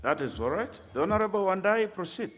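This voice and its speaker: Man, parliamentary Speaker, high pitch, stern, commanding, formal repeated orders, echoey hall. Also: sing-song, fast talker, a bit bright, faint music behind. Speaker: parliamentary Speaker chairing debate. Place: legislative chamber. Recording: echoey large chamber.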